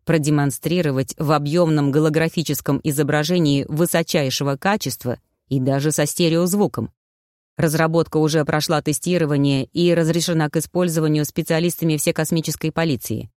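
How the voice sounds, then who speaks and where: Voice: mid-range voice, steady tone, fairly quick, a little mellow, no room sound, clean studio sound, lightly acted. A reader voicing a smug, self-satisfied male cyborg inventor who lectures the others, in an audiobook. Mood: lecturing. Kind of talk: audiobook reading.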